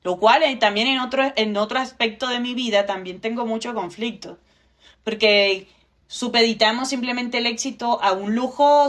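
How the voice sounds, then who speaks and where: Woman, slightly high voice, earnest teaching talk, rhetorical questions. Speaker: co-host.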